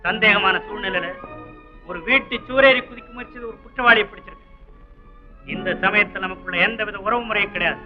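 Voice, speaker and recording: A man's voice: sits high, fairly quick, natural voice. An actor playing a stern middle-aged policeman father in a 1960s film melodrama, severe and commanding, on a dull old soundtrack with faint music. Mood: stern, angry. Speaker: police constable.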